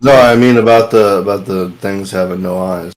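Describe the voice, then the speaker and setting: A man's voice: low-pitched, steady tone, normal speed, low-quality recording. A man co-hosting a comedy podcast, teasing his co-host in a dry way. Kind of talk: casual chat.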